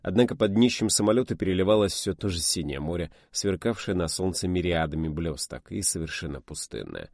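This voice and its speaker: Deep-voiced male audiobook narrator. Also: lively intonation, brisk, creaky, hardly any pauses, darkish tone, no echo, clean studio sound. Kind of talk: scripted narration.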